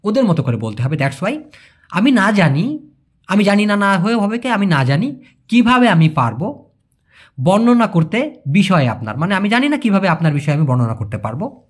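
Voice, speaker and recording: Man, language teacher, patient, repeats words slowly, animated pitch. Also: breathy edge. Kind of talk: explaining vocabulary to viewers.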